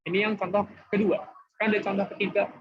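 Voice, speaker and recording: A man's voice: high-pitched, level tone, fast talker, husky. A young man with a casual manner, teaching an online class in a chatty, way. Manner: chatty, informal, often says guys and gitu. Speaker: tutor. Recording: dull lo-fi online class audio.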